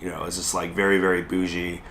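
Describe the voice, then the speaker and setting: A man from Southern California, hoarse from a lingering illness, chatting casually in a food vlog with many ums and pauses. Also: low-pitched, little pitch movement, a bit bright, slight background noise. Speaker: food vlogger. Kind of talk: casual rambling mukbang vlog. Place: restaurant dining room.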